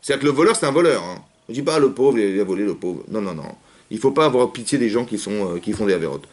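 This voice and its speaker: Fast-talking man teaching a Torah class. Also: fairly low pitch. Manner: rapid, animated, acts out dialogues. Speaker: rabbi. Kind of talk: Torah class with audience questions. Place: community hall.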